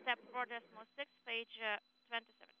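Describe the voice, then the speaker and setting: A woman's voice: a little high, flat delivery, a little fast. A woman's voice comes over a dull, band-limited radio link. She relays mission instructions as an interpreter, in clipped, procedural sci-fi communicator phrases. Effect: radio transmission.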